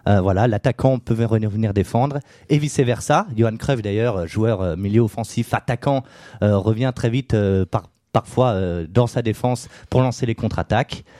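A man's voice: on the low side, moderate pace, warm tone, no room sound, studio quality. A man on a casual podcast, telling football history in a loose storytelling way, with many fillers and jokes. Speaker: podcast co-host.

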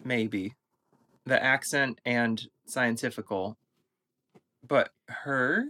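A man chatting casually as a podcast panelist, quick and joking. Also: medium pitch, sharp tone. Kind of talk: casual chat.

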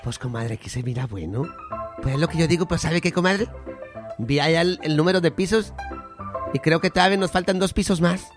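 A man's voice: on the high side, fairly quick, natural voice. A man voicing two bawdy, gossiping middle-aged women friends with a Mexican accent in a comedy sketch, trading teasing banter and breaking into cackles and squeals. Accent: Mexican Spanish. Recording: music playing behind the voice.

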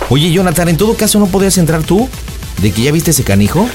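A man's voice: a little high, very animated, fast, a little mellow, soft background music. A man with a Mexican accent hosting a prank call radio show, coaching his guests playfully.

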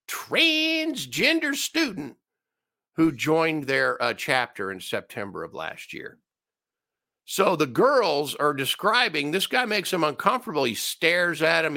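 A man's voice: on the high side, pushed and bright. A man hosting a solo commentary show, ranting with sarcastic, mocking asides.

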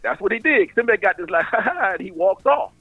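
A middle-aged man, a stand-up comedian, telling stories in casual animated chat, laughing often and talking in loose street slang. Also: high voice, fast talker, music in the background. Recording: phone-like radio line.

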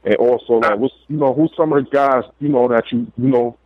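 A man's voice: mid-range voice, steady tone, fairly quick. A man with a Brooklyn accent calling in by phone, chatting casually and hesitantly with lots of "you know". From Brooklyn, New York. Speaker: phone-in caller. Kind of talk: casual chat. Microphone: telephone. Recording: narrow tinny phone line.

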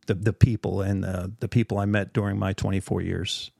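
A man's voice: sits low, flat delivery, fairly quick, vocal fry, dark tone, no echo, clean studio sound. A middle-aged man hosting a podcast, talking in an earnest, reflective way with frequent fillers. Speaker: podcast host. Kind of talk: casual conversation.

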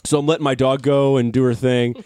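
A man co-hosting a casual podcast chat, telling stories with plenty of swearing and animated energy. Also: mid-range voice, a little fast, heavy background noise. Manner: profane, animated storyteller. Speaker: podcast co-host.

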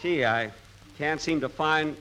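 An actor playing a good-natured, bumbling husband trying farm life in a 1940s radio comedy. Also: male voice, a little high, a little slow, natural voice. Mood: muddled, soothing. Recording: very noisy old 1940s radio recording.

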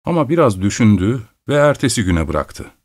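A man narrating a classic novel as an audiobook in a steady, literary reading voice. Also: lowish voice, moderate pace. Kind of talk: scripted narration.

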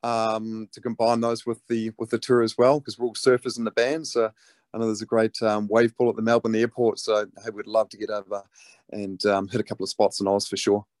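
A man's voice: on the low side, little pitch movement, a little fast, a little mellow, dry recording, studio quality. Laid-back man with a broad Kiwi accent. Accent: broad New Zealand. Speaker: interviewed rock band lead singer. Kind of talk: casual interview chat.

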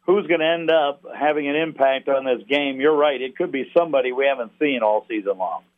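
Coming through a thin, phone-like radio line, a guest announcer offers analysis during a sports interview. His voice sits mid-range, and he speaks haltingly, breaking off mid-thought.

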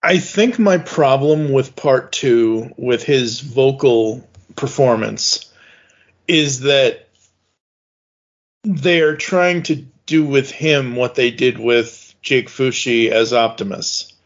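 A man co-hosts a podcast, weighing his criticisms carefully and searching for words. He speaks very slowly, and the recording has a dull, lo-fi sound. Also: mid-range voice. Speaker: podcast co-host. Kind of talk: casual podcast chat.

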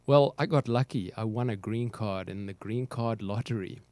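A man's voice: lowish voice, normal speed, mellow, no room sound. A middle-aged man from South Africa with a South African accent, speaking as a guest author in a casual interview, thoughtful and earnest with some hesitations.

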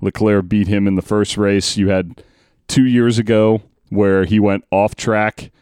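Low-voiced chatty male podcast host. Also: level tone, darkish tone, clear, resonant tone, no room sound, studio quality. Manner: chatty, reads stats quickly. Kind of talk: casual sports chat.

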